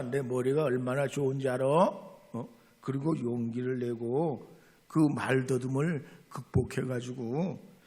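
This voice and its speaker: A man's voice: mid-range voice, in a large hall. A man preaching a sermon as a pastor, speaking earnestly and acting out short dialogues in a church sanctuary.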